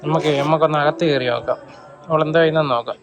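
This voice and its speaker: A man's voice: on the high side, steady tone, very fast, music in the background. A man in a casual home video, calling and soothing his dog in a coaxing, teasing way. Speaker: dog owner filming his pet.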